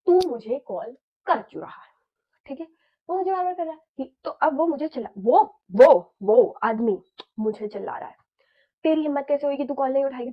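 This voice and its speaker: A young woman from India, telling a storytime vlog casually and with animation, mixing Hindi and English and swearing freely. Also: high voice. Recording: slightly dull lo-fi audio.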